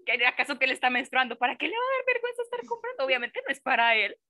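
A woman's voice: sits high, big pitch swings, very fast, bright, forceful tone. A young woman, candidly telling anecdotes as a guest in a casual panel chat. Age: young adult.

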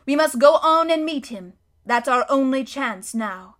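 A woman reading aloud voicing an earnest, protective male beaver who speaks slowly and with weight. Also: sits high, lively intonation, a bit bright, voice pushed up. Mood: urgent.

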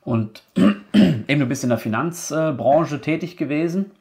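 A man's voice: fairly high pitch, animated, measured pace, a little mellow. A man hosting a podcast interview, asking rambling, friendly follow-up questions. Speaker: podcast host.

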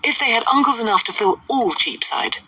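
A woman voicing an amiable, easygoing young gentleman in a storybook, earnest. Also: on the high side, a little fast, breathy edge, no echo, recorded from a distance, pitched above the performer's own voice, exaggerated voice, rough recording. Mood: warmly defending.

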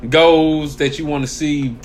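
A young man, co-hosting a casual podcast. He is animated, laughs often and jumps up into high exclamations. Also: a little slow, slight background noise. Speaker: podcast co-host. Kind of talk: casual chat.

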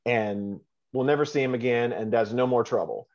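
A man's voice: medium pitch, darkish tone. Guy rambling on a church podcast, lots of "you know", muffled sound. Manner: rambling, many fillers, quick bursts. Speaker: podcast co-host. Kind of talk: casual faith discussion.

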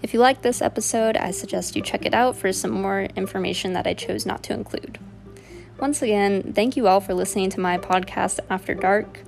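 Woman podcast host with a gravelly edge. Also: mid-range voice, fairly quick, darkish tone, soft background music. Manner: reads a script with personal asides. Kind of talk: scripted true-crime narration.

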